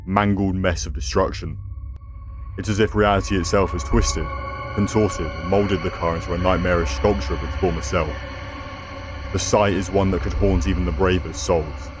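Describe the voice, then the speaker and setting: Here a horror-host storyteller with a deep voice reads scripted scary stories aloud to listeners. He is dramatic and foreboding, with fairly even intonation and a moderate pace. Music plays underneath.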